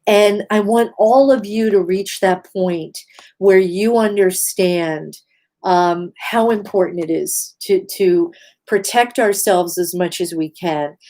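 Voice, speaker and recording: A woman speaking earnestly through a face mask, giving emphatic, measured advice straight to her listeners in an instructional talk. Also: mid-range voice, warm tone. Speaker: host giving mental health advice.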